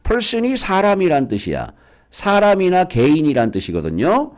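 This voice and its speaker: A man's voice: high voice, normal speed. A man teaching a basic English reading lesson to schoolchildren, coaxing them along with frequent questions. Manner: lively, coaxing, asks students questions. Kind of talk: lecture for school kids.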